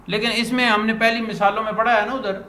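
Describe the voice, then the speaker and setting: A man teaching a grammar lesson to a student, patiently repeating words slowly as a drill. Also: sits high, flat delivery, sharp tone. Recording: roomy echo, faint background noise.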